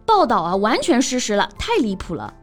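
A woman co-hosting an English lesson, casual and lively, laughing often and acting out example tones. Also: on the high side, fairly quick. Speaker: co-host of an English lesson podcast. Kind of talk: casual bilingual teaching chat. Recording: light background music.

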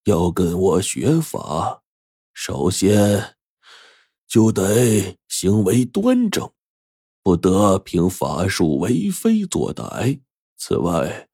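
A man voicing a stern elderly master sorcerer who speaks slowly and gravely. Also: sits low, mellow, no echo, studio quality, exaggerated voice. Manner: slow, weighty admonishing delivery.

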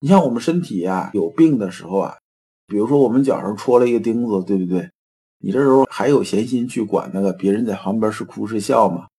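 A man with a low, slightly husky voice gives a storytelling lecture on classical philosophy. He talks in a loose, conversational way, drawing out particles at the ends of phrases and throwing in rhetorical questions. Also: fast talker, dark tone.

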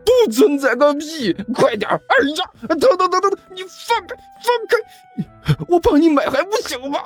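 A man's voice: very high voice, huge pitch swings, fairly quick, faint music behind, pitched above the performer's own voice, exaggerated voice. A man doing a shrieking, exasperated young man. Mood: yelling in pain. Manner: yelling, panicked.

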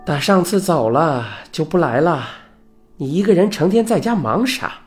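A man voicing a huffy, sharp-tongued middle-aged mother in an audiobook. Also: fairly high pitch, expressive, moderate pace, faint music behind, lightly acted. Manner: scolding, huffy.

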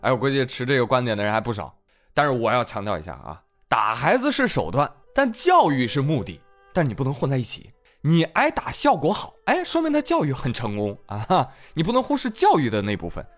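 Playful, teasing male host; lively intonation, faint music underneath. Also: mid-range voice, fairly quick. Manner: playful, teasing, laughs often. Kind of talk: casual storytelling, reading listener comments.

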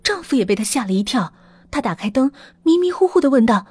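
A woman narrating a ghost story dramatically, slowing down and hushing at the tense moments. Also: on the high side, big pitch swings, slightly rough, dry recording. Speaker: storyteller host. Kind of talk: horror audiobook narration. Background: faint music.

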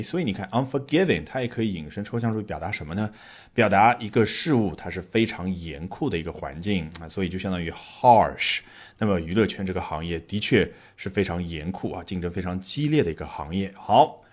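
A man teaching English vocabulary in a relaxed, chatty podcast lesson. His fairly low voice swings widely in pitch as he explains, often pausing on drawn-out fillers and asking his listeners rhetorical questions.

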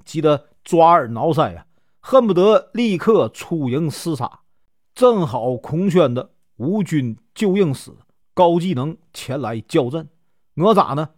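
A man telling a classic legend in a casual, chatty storytelling way, with lots of drawn-out filler particles. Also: a little high, no echo, studio quality.

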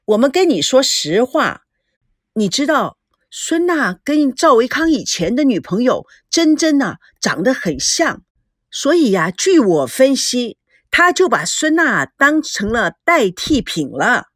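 A woman plays a smug male tabloid reporter in a spoken story, slowing down to mock and lifting her pitch on each jab. The storytelling is dry and close to the mic. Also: very animated, no room sound.

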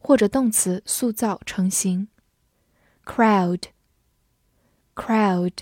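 Woman English teacher, unhurried vocabulary lesson, dry close mic, spells words out. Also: mid-range voice, darkish tone, husky, dry recording. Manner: reads example sentences slowly for repetition.

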